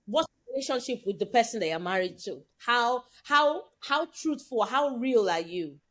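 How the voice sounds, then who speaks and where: Her voice sits on the high side and moves at a moderate pace as she co-hosts a casual chat. The Nigerian woman tells lively stories, often quoting dialogue.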